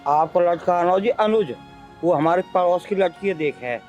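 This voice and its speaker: Brief: earnest Haryanvi village neighbor, high-pitched man, polite yet insistent, played by a man, faint music. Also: normal speed, a little mellow, dull audio, close to an everyday voice. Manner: respectful, insistent. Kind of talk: Haryanvi film acting.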